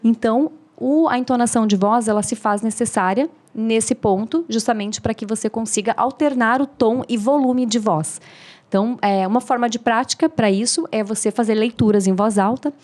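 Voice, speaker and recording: A woman's voice: a little high, normal speed, a little mellow. Woman explaining speaking tips. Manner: didactic, demonstrative, friendly. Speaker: oratory mentor guest. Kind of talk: podcast interview, explaining tips.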